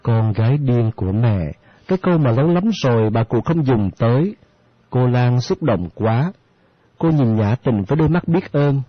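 A man narrates an audiobook in a steady storytelling manner. His voice sounds close and dry, with a slightly muffled tone. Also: mid-range voice, normal speed, dry recording.

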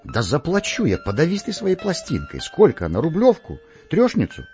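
A man reading an audiobook, voicing an indignant middle-aged woman on a train who scolds in a shrill, high voice. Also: big pitch swings, moderate pace, darkish tone, lo-fi sound, soft background music. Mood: indignant scolding.

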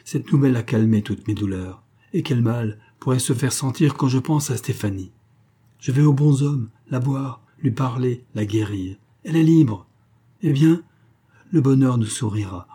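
A man's voice: lowish voice, mellow, breathy edge. A man voicing a male army colonel carried away by exalted hope, speaking in rising outbursts.

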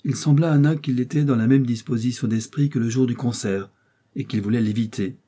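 A man reading a classic novel aloud as audiobook narration, in a steady, even manner. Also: mid-range voice, fairly quick, husky. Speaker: audiobook reader.

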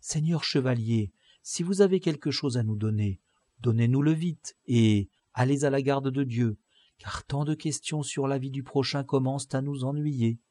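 A man's voice: mid-range voice, normal speed, warm tone, no echo, pitched above the performer's own voice, close to an everyday voice. A man voicing a proud, sly male convict who answers in a glib, mock-polite way. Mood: sardonic.

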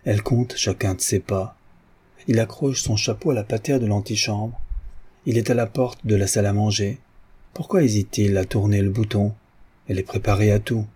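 A male audiobook narrator reading a classic novel in a measured, literary way. His voice is dark and husky, set fairly low. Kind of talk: scripted narration.

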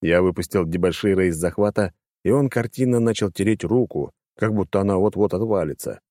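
A man narrating a first-person audiobook, expressive and wry. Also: deep voice, a little fast, no echo, clean studio sound.

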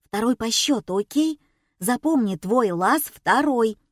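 Woman playing a hissing male stagehand, bossy, slow urgent whisper, dry close sound. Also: a little high, lively intonation, no echo, voice pushed up. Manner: hissed whispered commands.

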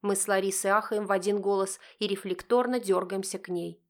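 A woman narrating a first-person novel audiobook in a steady, even storytelling manner. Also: mid-range voice, a little fast.

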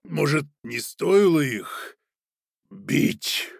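A man's voice: fairly high pitch, very animated, very slow, vocal fry, slightly rough, no echo, clean studio sound, pitched above the performer's own voice, full character voice. A man voicing a self-pitying, tyrannical puppet-theatre master in an audiobook, wailing theatrically. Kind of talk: audiobook character voice.

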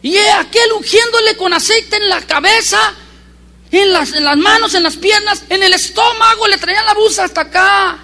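A man preaching a sermon as pastor, telling stories with lively emphasis and asking the congregation rhetorical questions. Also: extremely high pitch, normal speed. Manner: animated storyteller with rhetorical questions.

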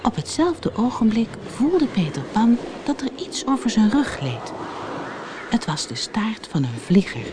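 Dutch storyteller reading a kids fairy tale, super animated up-and-down voice, faint hiss in the background. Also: medium pitch, a little slow. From Netherlands. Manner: expressive, lively storytelling. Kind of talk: audiobook fairy tale narration.

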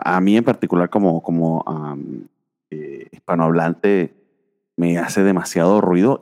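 A man's voice: low-pitched, darkish tone, long reverb tail. A man co-hosting a casual podcast about comic books, rambling with many fillers. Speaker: podcast co-host.

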